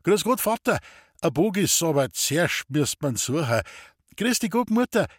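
A man's voice: on the high side, very animated, a little slow, dry recording, clean studio sound, voice pushed up. A man voicing a sheepish young hunter. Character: young Bavarian forester's son, sheepish.

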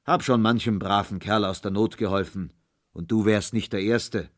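A man voicing a giant, menacing forest spirit who talks loud and booming in a storybook reading. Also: steady tone, moderate pace, lightly acted. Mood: coaxing. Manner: loud, booming, coaxing then threatening.

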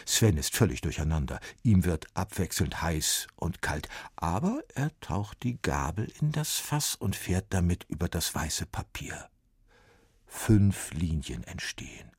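Man narrating a story, husky, dry close sound, calm and measured. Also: low voice, no echo.

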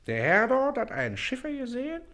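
A pompous, lecturing official. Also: male voice, very high voice, huge pitch swings, brisk, sharp tone, heavily acted. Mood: condescending. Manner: condescending, lecturing. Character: pompous, impatient male district official. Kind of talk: radio play acting.

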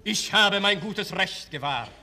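A man's voice: high-pitched, animated, drawn-out words, vocal fry, pushed and bright, breathy edge, voice pushed up, exaggerated voice. A man voicing a proud aristocratic count in a melodrama, with stiff, haughty declamation. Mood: icy, dismissive. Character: proud, cold aristocratic count, shaken by guilt. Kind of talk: melodramatic stage reading.

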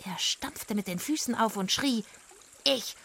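Lady telling a kids story as the heroine, lively and plucky. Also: mid-range voice, moderate pace, a little hiss or hum. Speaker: narrator and detective heroine. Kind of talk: first-person storybook narration.

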